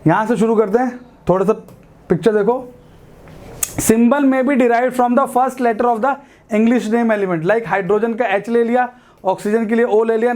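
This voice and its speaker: A man's voice: high voice, darkish tone. A man with an Indian accent gives a classroom lecture in a chatty, coaxing way. He keeps asking his students rhetorical questions and slips into English phrases. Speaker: teacher.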